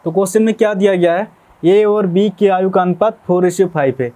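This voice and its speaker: A man's voice: high-pitched, moderate pace, dark tone. A young man teaching a maths lesson step by step, often checking in with "okay?". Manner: explanatory, repeats "theek hai" to check understanding. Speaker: math teacher.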